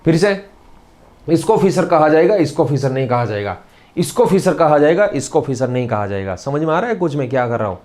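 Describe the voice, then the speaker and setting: A man's voice: on the high side, sing-song, brisk, darkish tone. A man with a Gujarati accent teaching a recorded chemistry lecture, repeating points over and over and teasing his students now and then. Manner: repetitive, drilling, teasing asides to students.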